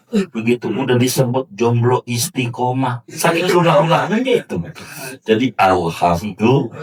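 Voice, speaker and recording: A man preaching, telling jokey stories and acting out characters in loud, high bursts. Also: husky. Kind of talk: mosque sermon with acted anecdotes. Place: mosque prayer hall. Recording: distant mic in a mosque.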